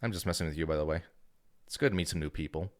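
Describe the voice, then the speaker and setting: A man's voice: a bass voice, rapid-fire. A young man casually chatting to his live-stream audience, rambling loosely with lots of filler words. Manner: relaxed rambling with many "like" fillers.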